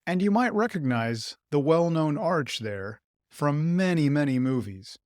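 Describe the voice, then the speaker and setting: A man narrating an English lesson in a clear, measured, explanatory way. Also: on the high side, animated, a little mellow, dry recording, clean studio sound. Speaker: podcast host teaching English.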